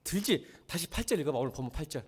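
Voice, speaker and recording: A middle-aged pastor delivers a blunt sermon, peppering his congregation with rhetorical questions and veering from quiet speech to shouting. His voice sits a little high and is animated and rapid-fire, with a breathy edge.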